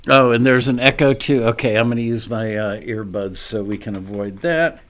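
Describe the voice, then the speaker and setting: A man's voice: medium pitch, moderate pace, fairly bright tone. A middle-aged American man casually hosting a live online show, unscripted and chatty, rambling into asides.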